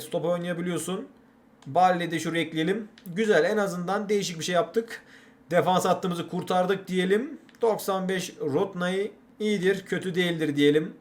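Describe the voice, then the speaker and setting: A young man hosting a gaming channel, giving chatty, exasperated commentary while playing a football game. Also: high-pitched. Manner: exasperated, chatty, keeps repeating catchphrases.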